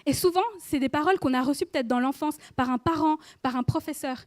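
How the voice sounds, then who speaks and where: A woman's voice: high-pitched, fast talker, darkish tone, dry recording. A woman in her thirties giving an informal sermon in church, chatty and speaking directly to the listener with frequent questions. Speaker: preacher.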